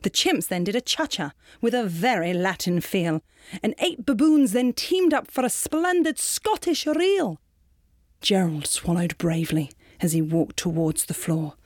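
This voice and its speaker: A woman reading a rhyming picture book aloud in a rhythmic, expressive way. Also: medium pitch, unhurried, no echo, clean studio sound. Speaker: storyteller.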